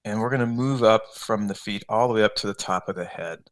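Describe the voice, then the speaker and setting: In a fairly low voice, a little fast, a meditation coach guides listeners step by step, speaking conversationally without a script and gently repeating himself.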